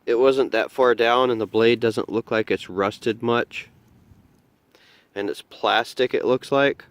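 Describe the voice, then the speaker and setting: A man's voice: mid-range voice, fairly even intonation, takes it slowly, no echo. A man vlogging his metal detecting finds, chatting casually and thinking aloud as he digs outdoors in a muddy field. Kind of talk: casual outdoor narration while digging.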